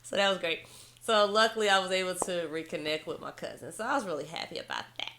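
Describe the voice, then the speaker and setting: A young woman, telling a story to camera in an animated, laughing way. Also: quick pace, noisy background. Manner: animated, laughs often, quotes herself in high excited voice. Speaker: vlogger.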